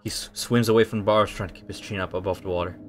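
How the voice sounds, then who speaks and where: Low-voiced male game master, halting delivery. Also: fairly even intonation, a little hiss or hum. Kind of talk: narrating a tabletop role-playing game.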